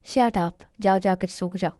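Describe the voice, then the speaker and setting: A woman's voice: mid-range voice, slow, dark tone, dry recording, clean studio sound, voice pushed down, close to an everyday voice. A woman voicing a possessive young male mafia boss in a Hindi fan-dub romance drama, snapping at his partner one moment and sweet-talking her the next. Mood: angry. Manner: scolding then sweet-talking, calls her "my darling".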